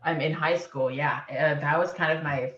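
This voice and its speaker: A young woman from Cameroon, relaxed and reflective as a guest in a casual interview, chuckling between phrases. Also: deep voice, moderate pace. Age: young adult. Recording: roomy, dull video call audio.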